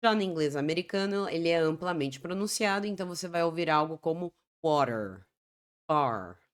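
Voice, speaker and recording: A low-voiced woman with a Brazilian Portuguese accent teaches English. She explains point by point and slowly repeats each example word. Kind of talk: Portuguese-language English lesson.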